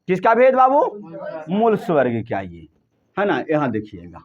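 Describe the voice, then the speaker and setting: Male teacher, high and animated voice, quizzes the class over and over. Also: moderate pace, muffled recording. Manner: drills students with repeated questions. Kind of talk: classroom lesson.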